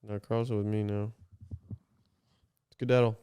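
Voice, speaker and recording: A man's voice: lowish voice, little pitch movement, slow, dark tone, slight background noise. A man co-hosting a podcast in casual, bantering conversation. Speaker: podcast co-host.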